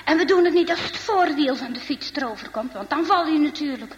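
A woman's voice: high voice, expressive, a little fast, long reverb tail, highs cut off, slight background noise. A woman voicing a mischievous boy who likes to tease and plans pranks. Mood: scheming. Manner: teasing, scheming. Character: teasing mischievous boy, the ringleader.

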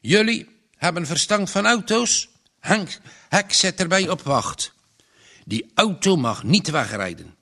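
A man's voice: sits high, lively intonation, slow, vocal fry, bright, forceful tone, pitched above the performer's own voice, exaggerated voice. A man reading aloud and voicing a determined villager who urgently raises the alarm at night.

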